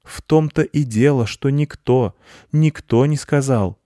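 A man's voice: mid-range voice, a little slow, mellow, no echo, clean studio sound, pitched above the performer's own voice, lightly acted. A man voicing a lazy, self-important male house cat who lectures in a storybook reading. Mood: lecturing. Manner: pompous and lecturing.

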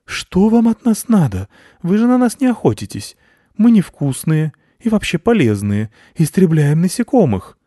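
A man voicing a nervous male bat who leads a colony, squeaking and fussing in a storybook reading. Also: very animated, normal speed, dark tone, dry recording, studio quality. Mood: pleading. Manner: high, squeaking, fussy and flustered.

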